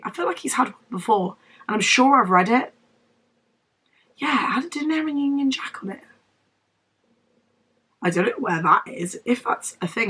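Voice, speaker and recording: A young woman from Devon, England, vlogs about books in a casual chat to camera, her southern English accent coming through a medium-pitched voice that is sharp and breathy. Unwell and losing her voice, she sounds wheezy and strained and rambles self-deprecatingly.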